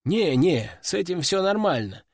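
Brief: sad deadpan young soldier, read by a male narrator, slightly high, dry close sound. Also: moderate pace, husky, no echo, exaggerated voice. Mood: glum. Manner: flat, mournful delivery. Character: gloomy young male recruit, deadpan and sincere.

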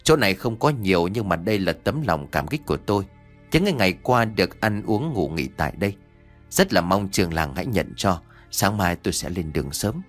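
A man voicing a gracious, wise traveler in an audio story, speaking in a measured, formal way. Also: low-pitched, sing-song, soft background music. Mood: calm. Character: older male traveler, calm, gracious, wise.

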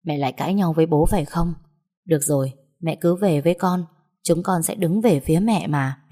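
An exasperated grown son, as a woman reader puts him on, talking fast and urgently. The voice stays low and mellow. A spoken storybook scene. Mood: pleading. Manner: urgent, pleading then scolding.

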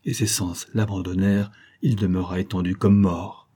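A man narrating a novel as an audiobook, in measured, dramatic storytelling. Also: deep voice, flat delivery, dark tone, husky.

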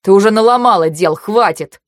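A woman's voice: mid-range voice, fairly quick, no echo, studio quality, close to an everyday voice. A woman voicing an irritable, haughty young male noble in an audiobook, speaking in a curt, scolding way. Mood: angry.

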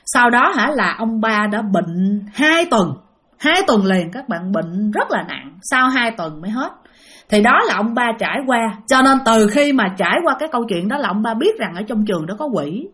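A woman with a Southern Vietnamese accent tells a ghost story in a high, animated voice. She speaks straight to her listeners and repeats phrases for effect. Her pitch swings widely through the telling. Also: moderate pace.

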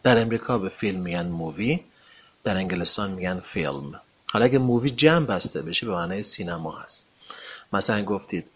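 A man with a husky, slightly low voice teaches English phrases. He says each sentence slowly with lively rises in pitch, then explains it quickly. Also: low-quality recording. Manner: slow, emphatic English model sentences, brisk explanations. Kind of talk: language lesson for Persian speakers.

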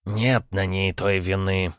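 A haughty falcon god, as a man acts him out, slow and deep, condescending in every word. Dry, close audiobook sound. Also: flat delivery, a bit bright, smooth, no echo. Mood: curt.

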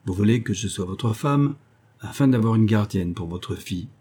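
A man's voice: on the low side, animated, moderate pace, mellow, husky. A man reading an audiobook, voicing a bitter, stern and unhappy young woman of twenty-three in an impassioned, raised tone.

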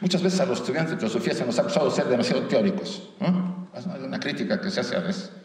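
A Mexican-accented man speaks at a middle pitch to a live audience in a lecture room. He keeps his spiritual talk conversational, tossing rhetorical questions and light jokes to the listeners. The mic sits well away from him, so his voice carries a roomy, reverberant hall sound. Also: lively intonation, quick pace, darkish tone. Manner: light humor mixed into the teaching. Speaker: lecturer at a theosophical society. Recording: roomy hall echo, voice from far off.

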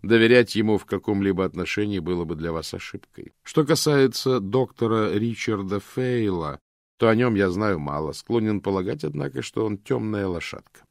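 Low-voiced man reading a story. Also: animated, moderate pace, creaky, no echo, clean studio sound. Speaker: audiobook narrator. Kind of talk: scripted narration.

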